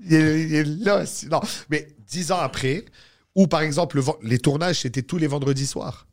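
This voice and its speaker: A man's voice: a little high, moderate pace. A man, telling stories as a comedian guest in casual podcast chat, sprinkling English slang.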